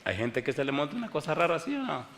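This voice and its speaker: A male pastor preaching a sermon, firing rhetorical questions at the congregation and reading scripture slowly and drawn out. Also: fairly high pitch, very animated, fairly bright tone, a little hiss or hum. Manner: rhetorical call-and-response questions. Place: church hall with a congregation. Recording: long hall reverb.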